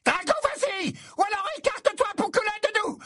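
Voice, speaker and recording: A man's voice: very high-pitched, lively intonation, fairly quick, dry recording, studio quality, pitched above the performer's own voice, full character voice. A man reading aloud voices a fierce henchwoman who shrieks orders in a piercing voice. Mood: frantic. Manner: shrieking, yelling. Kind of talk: audiobook character voice.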